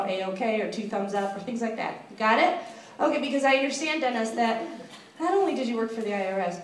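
A woman ventriloquist doing comic stage patter with an audience volunteer. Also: on the high side. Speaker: ventriloquist comedian. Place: small theater stage, indoors. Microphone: handheld mic, filmed from audience seats. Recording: distant echoey recording, loud audience noise.

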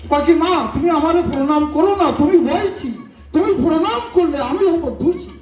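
This kobi gaan performer, a man with a Bengali accent, sings a devotional folk story on stage in an extremely high, slightly fast voice. The distant mic gives a roomy, muffled sound with soft music behind, and he animatedly acts out every character's lines in different voices.

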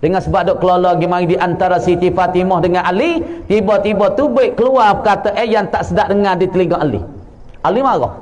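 High-voiced preacher with Patani Malay accent. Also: male voice, quick pace, a little mellow, rough recording. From southern Thailand. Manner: storytelling, acts out quoted voices, teasing. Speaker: religious teacher. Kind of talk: mosque sermon. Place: mosque.

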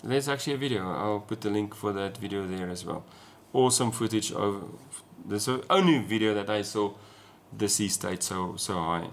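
A South African sailing vlogger in his forties, with an Afrikaans accent, casually explains things to camera from a small room at home. His voice is fairly low, at normal speed with few pauses, and there's a little hiss or hum.

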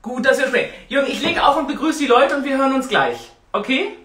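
A woman with a fairly high, bright voice that moves up and down a lot. She speaks casually and expressively, as the host of a chatty live stream. Her delivery is exclamatory and forward. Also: expressive, quick pace. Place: small tiled room indoors.

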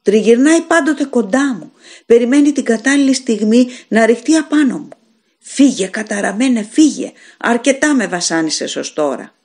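A woman's voice: medium pitch, expressive, a little mellow, natural voice. A woman voicing a sick, dying man haunted by his own ghost, speaking in a breathless, frantic way. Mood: terrified.

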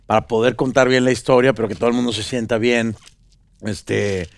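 A Venezuelan man in his thirties, a guest on a studio talk show, speaking casually into a headset mic. He rambles in a relaxed way, often trailing into fillers and restarting his sentences. The sound is dry and close. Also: medium pitch, moderate pace, gravelly, dry recording. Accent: Venezuelan Spanish. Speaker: guest actor. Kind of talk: casual interview chat. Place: pink-decorated talk show studio set. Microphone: small headset mic.

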